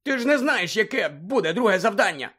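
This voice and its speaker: A man's voice: sits high, very animated, fairly quick, fairly bright tone, husky, pitched above the performer's own voice, heavily acted. Man doing teenage schoolboy wizard, anxious, strained, breathless, raised voice, audiobook. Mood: bewildered. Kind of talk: audiobook character voice.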